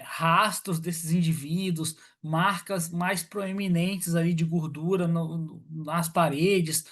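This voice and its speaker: A man giving an online lecture over a video call, hesitant, with many fillers and restarts. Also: fairly high pitch. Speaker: guest lecturer on pest control.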